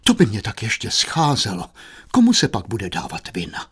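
A man voicing an anxious middle-aged merchant's wife who laments in a plaintive way, with a husky voice. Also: on the low side, wildly swooping pitch, fairly bright tone, exaggerated voice. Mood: worried.

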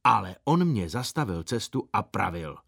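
A man voicing an excited boy who rallies his friends in a solemn, pompous war speech. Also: fairly low pitch, vocal fry, dry recording, studio quality, exaggerated voice. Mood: solemn rallying. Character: excited boy gang leader rallying friends.

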